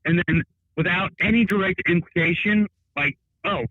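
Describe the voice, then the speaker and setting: A man's voice: sits high, normal speed, dry recording. A male caller heard over a phone line, rambling with lots of "like" fillers. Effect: heard through a phone line on the show's speaker. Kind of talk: call-in phone commentary. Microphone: Bluetooth phone headset. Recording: tinny dry phone line.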